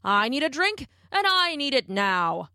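A woman's voice: sits high, very animated, unhurried, bright, forceful tone, dry recording, studio quality, pitched above the performer's own voice, heavily acted. A woman voicing a lean, cunning leopard who demands a drink in a raised, pushy voice. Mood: demanding.

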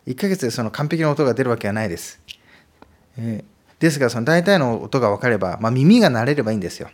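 A man's voice: medium pitch, animated, fast. A man hosting a casual solo podcast about learning Chinese, talking in a friendly, explanatory way with many fillers. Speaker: podcast host teaching Chinese.

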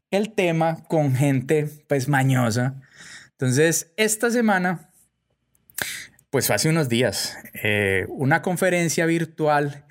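A young adult Colombian man hosting a casual commentary monologue, chatty and full of tag questions. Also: mid-range voice. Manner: chatty, peppers speech with "pues" and "¿cierto?". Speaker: host.

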